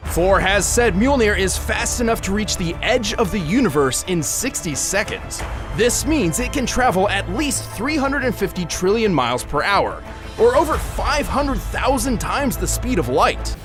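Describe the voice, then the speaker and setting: A man's voice: high voice, very animated, normal speed. A man playing a brainy analyst, giving precise, scripted explanatory narration for a produced show. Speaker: co-host narrator. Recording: produced show clip with music bed. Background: prominent music.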